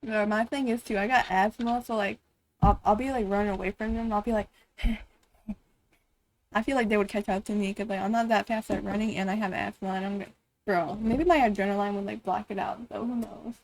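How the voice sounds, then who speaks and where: A woman's voice: mid-range voice, steady tone, brisk, a little mellow, slight background noise, rough recording. A woman streamer reacting on a live stream, rambling with lots of "like" and "bro" and frequent swearing.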